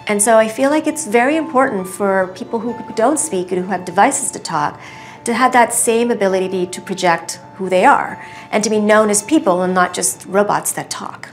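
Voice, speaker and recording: A woman's voice: mid-range voice, normal speed, soft background music. A woman researcher explaining her view earnestly in an interview. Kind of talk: interview answer.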